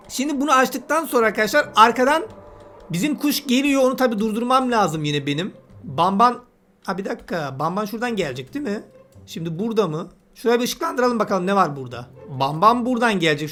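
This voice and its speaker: A man's voice: high voice, pushed and bright. A man giving casual let's-play commentary, chatty and teasing, talking to the game's characters as he plays. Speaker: gameplay commentator.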